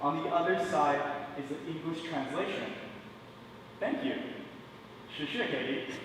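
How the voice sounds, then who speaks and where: A man's voice: a little high, measured pace, background noise. Young man doing playful magic patter. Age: 20s. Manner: playful, joking with an audience volunteer. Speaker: stage magician. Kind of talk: live stage magic patter. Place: large indoor theater stage. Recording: echoey theater hall, distant mic.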